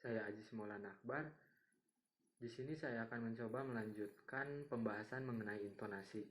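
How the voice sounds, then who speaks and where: A man giving a student presentation, halting with many fillers. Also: on the low side, low-quality recording. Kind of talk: class presentation.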